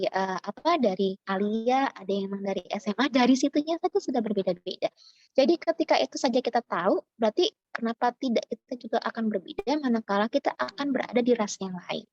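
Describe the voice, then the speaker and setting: A woman from Java, a university lecturer, speaking in a chatty, animated way with many fillers, as a webinar speaker. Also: mid-range voice, no echo, dull audio. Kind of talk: informal lecture. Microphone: video call.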